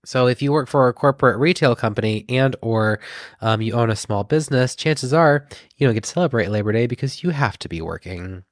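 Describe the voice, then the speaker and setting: A man's voice: mid-range voice, lively intonation, a little fast, no echo, clean studio sound. An American man co-hosting a podcast, chatting casually and joking, rambling with plenty of fillers. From United States. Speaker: podcast co-host. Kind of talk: casual chat.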